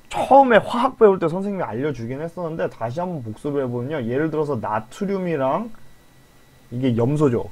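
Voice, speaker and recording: A man's voice: a little high, a little mellow. A man teaching an online science lecture, coaxing and pleading with students and quizzing them with questions.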